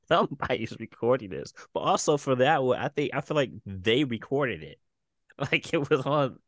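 A man co-hosting a podcast in casual chat, unhurried and quick to laugh. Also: mid-range voice, animated, fairly bright tone, no echo, studio quality. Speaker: podcast co-host.

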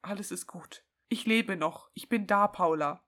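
Woman voicing a hushed young man, soft-spoken, guilty, storybook reading. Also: mid-range voice, a little slow, natural voice. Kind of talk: mock-dramatic reading of a story.

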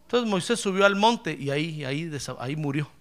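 A man's voice: on the high side, lively intonation, fairly quick, a bit bright. A pastor preaching a humorous sermon, acting out little dialogues and calling his listener brother.

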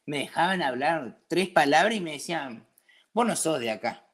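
With a fairly high, expressive, slightly bright voice and a moderate pace, this Argentine man from Patagonia, southern Argentina, chats in an interview. He owns a craft brewery and tells colloquial, casual stories, performing snippets of dialogue in his Argentine Spanish accent.

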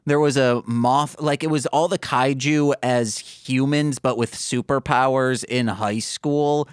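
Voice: medium pitch, steady tone, a little slow, clean tone, no room sound. Joking podcast co-host, dry sound. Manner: joking, riffing on tangents. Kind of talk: casual podcast chat.

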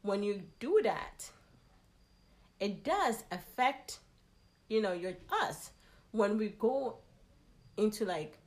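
A woman's voice: medium pitch, expressive, slow pace, pauses often. A woman in a casual conversation, speaking emphatically and giving advice drawn from her own experience.

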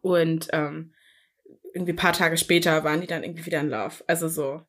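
A woman's voice: low voice, fairly even intonation, fairly quick, fairly bright tone. A young woman in casual chat, telling a personal story in a chatty way, mixing in English words and acting out what people said.

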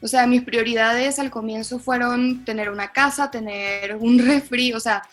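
Young Venezuelan actress guest, high-pitched, expressive and chatty; faint music bed. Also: female voice, moderate pace. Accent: Venezuelan Spanish, softened toward neutral Mexican. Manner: chatty, expressive, uses many fillers. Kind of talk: casual podcast interview.

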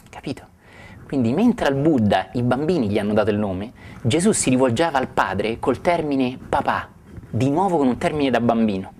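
A man giving a spiritual talk, retelling a sacred story with marveling, warm asides to his listeners. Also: mid-range voice, slight background noise. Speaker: spiritual teacher.

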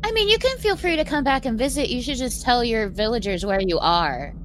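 High, animated woman playing a tabletop game. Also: a little fast, a little hiss or hum. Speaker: player. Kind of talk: casual tabletop role-play.

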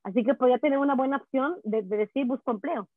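A Mexican woman, a guest speaking on immigration, talking in a chatty, quick way over a call. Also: sits high, no room sound. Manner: fast, chatty, restarts words. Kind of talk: casual chat. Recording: tinny dry phone line.

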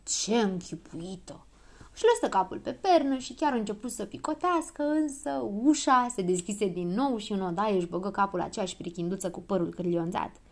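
A woman narrating a children's audiobook with expressive storytelling. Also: medium pitch, hardly any pauses.

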